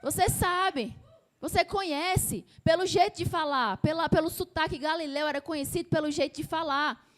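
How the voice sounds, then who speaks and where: A woman from Brazil preaching a sermon with emphasis, asking the congregation rhetorical questions and dropping her voice low and slow to act out quoted lines. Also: a bit bright.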